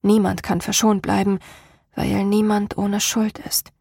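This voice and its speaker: A woman reading the part of a haunted, determined young woman in measured, weary tones. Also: mid-range voice, little pitch movement, gravelly, darkish tone, slightly rough, dry recording, studio quality. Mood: grim. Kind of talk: audiobook character reading.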